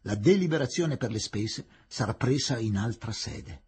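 A man reading a small Indian magistrate keeping order in court. The voice is firm and formal, very husky and breathy, and its pitch moves in a lively way. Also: normal speed.

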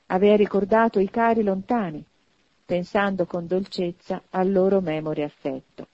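Woman narrator, audiobook reading, husky, dry, dull lo-fi sound. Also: medium pitch, moderate pace, dry recording. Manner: expressive, animated reading. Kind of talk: audiobook narration of a classic novel.

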